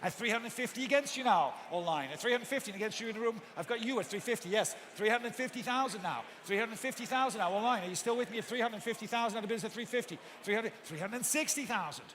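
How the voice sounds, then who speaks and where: A man's voice: high voice, fast talker, hardly any pauses, fairly bright tone. A man working as an auctioneer, calling live bids in repetitive, insistent runs of numbers while politely addressing bidders. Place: large auction hall with bidders present. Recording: echoey hall PA with background noise.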